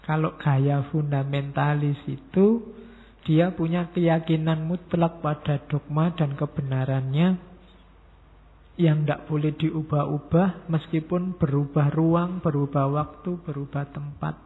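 A middle-aged man, giving a relaxed, joking philosophy lecture to students and slipping in words. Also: on the high side, a little slow. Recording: tinny phone-like sound in a long-reverb hall.

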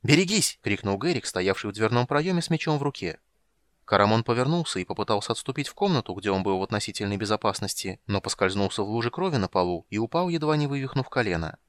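Man, audiobook narration, rapid delivery, lowish voice, dry close sound. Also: animated, no echo. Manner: brisk, dramatic reading. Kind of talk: scripted fantasy narration.

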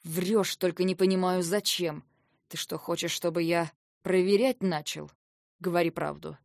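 A woman voicing a stern, menacing young man who questions a captive in low, insistent tones. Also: steady tone, normal speed, gravelly, a little mellow, no echo, clean studio sound. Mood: harsh. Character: stern, menacing young male otherworldly captor.

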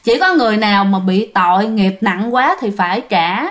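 A woman with a medium-pitched, expressive voice tells ghost stories at a normal pace. Her casual storytelling is chatty and full of fillers, and she often speaks straight to her listeners.

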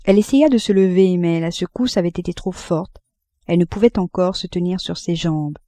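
Warm-voiced woman narrating a classic novel. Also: fairly low pitch, no echo. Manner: measured, expressive reading. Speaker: audiobook narrator. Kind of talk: literary audiobook narration.

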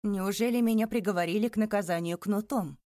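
Woman reads a frantic pleading banker, high-strung, mellow tone. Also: fairly quick, dry recording, studio quality, lightly acted. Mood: panicked. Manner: frantic, rising, exclaiming. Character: terrified older male banker, pleading.

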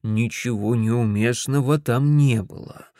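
A man voicing a nervous older heavyset studio boss who talks slowly and soothingly with a shaky voice. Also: mid-range voice, dark tone, no room sound, lightly acted. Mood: placating.

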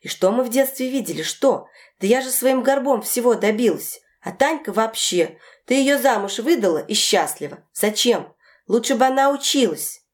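A woman voicing an irritable, overworked adult woman who argues with her mother in a sharp, raised voice. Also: a little high, lively intonation, normal speed, voice pushed up, lightly acted. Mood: indignant.

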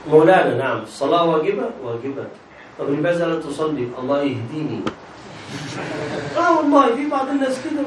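A man with a notably high voice and an Egyptian accent leads a religious law class, prodding students with questions he leaves hanging for them to finish. He sounds set back from the mic in a roomy, echoing space with a faint hiss underneath. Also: very animated, fast. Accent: Egyptian Arabic. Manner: quizzes students with prompting half-questions. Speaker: religious teacher. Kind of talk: classroom lesson on jurisprudence. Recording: echoey room, distant mic, faint hiss.

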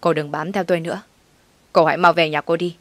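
A woman's voice: low-pitched, fairly even intonation, quick pace, no room sound, close to an everyday voice. A woman voicing a cold, harsh young husband who talks in a curt, scolding way.

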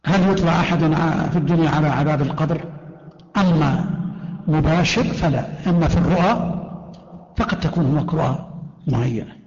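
A man's voice: on the high side, a little fast, long pauses, a little mellow. A man teaching a creed class as a sheikh, reading out written questions and answering each in short, firm statements. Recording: echoey lo-fi hall recording.

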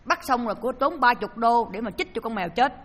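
A woman's voice: a little high, brisk. A woman, a Buddhist dharma teacher giving a storytelling sermon and acting out voices and sounds as she tells it. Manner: lively storyteller who acts out voices and sounds. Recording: long hall reverb.

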